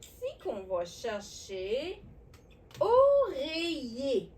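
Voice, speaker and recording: A woman with a Québécois accent, hosting a children's lesson on letters and sounds, talking warmly and encouragingly straight to the young viewer. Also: sits high, measured pace, distant mic, slight background noise. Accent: Québécois French. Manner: animated, encouraging, speaks directly to the child viewer. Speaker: children's educational host.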